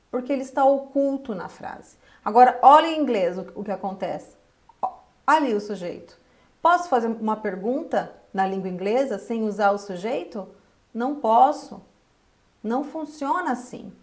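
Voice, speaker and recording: A woman with a Brazilian Portuguese accent teaching an English grammar lesson, lively and asking her viewers questions directly. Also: a little high. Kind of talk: classroom-style lesson explaining grammar.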